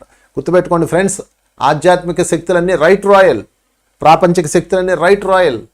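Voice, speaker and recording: Telugu guy giving a preachy spiritual talk, kinda high voice, mimics people begging. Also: fast talker. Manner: preachy, acts out pleading voices. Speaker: spiritual teacher.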